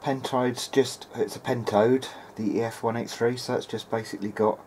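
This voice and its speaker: In a steady, slightly mellow mid-range voice at normal speed, a man hesitantly thinks out loud. He's a hobbyist electronics repairer hosting a casual workbench demonstration indoors. The clip is clear, with background noise from the workshop room.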